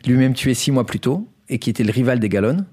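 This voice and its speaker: A man's voice: mid-range voice, lively intonation, fast talker, a little mellow, husky. A man hosting a casual sports podcast, telling a story with many fillers and restarts. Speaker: podcast host.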